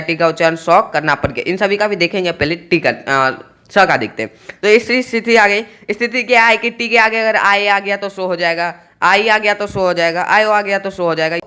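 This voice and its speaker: A man with a high, bright, forceful and clean-sounding voice teaches students English pronunciation. He spells words out one letter at a time and goes over each point again and again.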